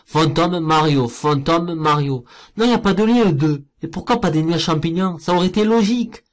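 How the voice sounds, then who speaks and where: Talking at normal speed in a voice a little on the high side, this cartoon reviewer mocks the clips he plays with jokey, sarcastic remarks.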